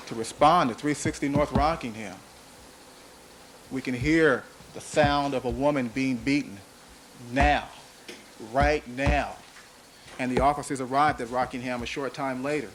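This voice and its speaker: A trial prosecutor delivers a courtroom opening statement in a medium-pitched voice, measured and deliberate with emphatic repetition. The archival courtroom audio is noisy.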